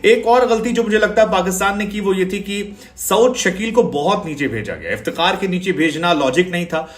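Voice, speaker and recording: A man's voice: fairly high pitch, reverberant. A man giving a chatty, sarcastic cricket match analysis, dropping English phrases into his talk.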